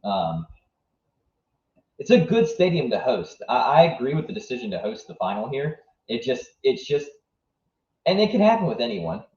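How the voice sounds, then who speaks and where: In a dull, echoing room, a young American man from southwest Virginia hosts a stream and reacts to a match live. His medium-pitched voice is a little mellow, with big pitch swings at a normal pace, as he rambles and thinks aloud between chat replies.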